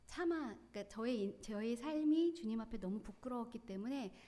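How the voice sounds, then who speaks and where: Her voice slightly high, expressive, and mellow, a Gyeongsang-accented woman in her forties tearfully and earnestly gives her personal testimony at church, with emotion coming in quick bursts.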